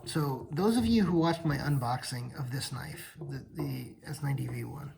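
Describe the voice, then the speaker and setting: A man's voice: mid-range voice, moderate pace, vocal fry, background noise. A tired man yawning late at night, casually demonstrating knives on his channel and often correcting himself as he rambles. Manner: rambling, self-correcting explanations. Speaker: knife channel host. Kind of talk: casual hands-on demo vlog.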